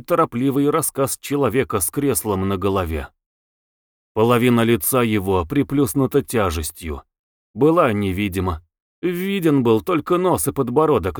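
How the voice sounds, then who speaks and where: A man's voice: mid-range voice, dry recording, clean studio sound. A man narrating a novel as an audiobook, reading expressively.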